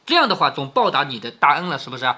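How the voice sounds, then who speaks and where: A man's voice: medium pitch, very fast, husky. A middle-aged man reading a classic novel aloud to his daughter and explaining it as he goes, often asking "right?" along the way. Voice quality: lively, questioning tone with frequent tag questions.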